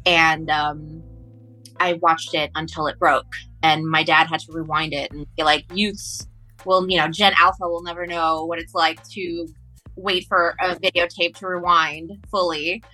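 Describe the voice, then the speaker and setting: On a casual podcast, a guest author from Ecuador, a native Spanish speaker who isn't fluent in English, tells stories haltingly, correcting herself and going back over phrases. She has a deep, sharp voice with little pitch movement. Faint music plays behind her in poor-quality audio.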